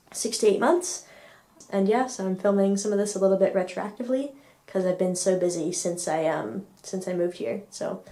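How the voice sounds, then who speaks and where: A young woman with a Bermudian accent, chatting casually as a knitting vlogger, relaxed and full of little ums. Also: mid-range voice. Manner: relaxed, many ums, softly spoken at times.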